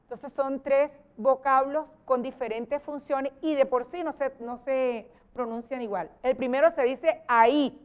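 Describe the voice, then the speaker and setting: Woman, Venezuelan accent, teacher, fairly high voice, patient explainer. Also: a little slow, few pauses, clear, resonant tone. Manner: patient, explains with many spoken example sentences; lively, exclaims when acting out examples. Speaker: teacher guest. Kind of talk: TV interview explaining grammar.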